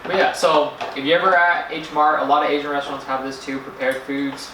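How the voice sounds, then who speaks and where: A man's voice: on the high side, little pitch movement. Rambling man vlogging in an echoey room. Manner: rambling, halting, searches for words. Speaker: food vlogger. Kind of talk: casual vlog narration to camera. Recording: echoey room with faint background noise.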